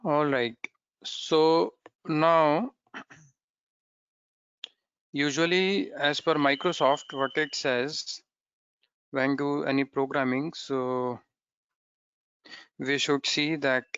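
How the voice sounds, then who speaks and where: Speaking in a smooth, medium-pitched, slightly bright voice, a man teaches coding in a screen-recorded tutorial, step by step, with non-native English and frequent "okay?" checks. The recording is muffled but free of room sound.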